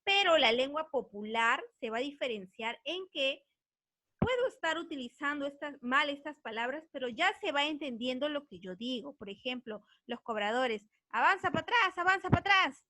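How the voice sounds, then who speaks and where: Woman, language teacher, higher register, dry sound, patient explaining tone. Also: animated, normal speed, pushed and bright, no room sound. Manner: earnest, explains patiently, checks understanding with frequent tag questions. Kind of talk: recorded online grammar lesson.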